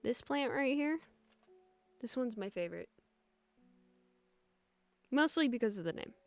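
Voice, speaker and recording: A young adult woman streaming a relaxed game, reading its text aloud with dry, wry asides. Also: a little high, unhurried, dry recording, faint music behind. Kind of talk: casual game commentary.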